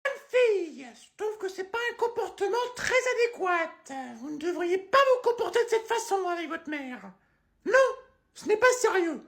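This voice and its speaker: A man's voice: very high-pitched, big pitch swings, moderate pace, fairly bright tone, exaggerated voice. A man playing a strict, crude grandmother scolding her family in a comedy sketch. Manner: scolding, bossy.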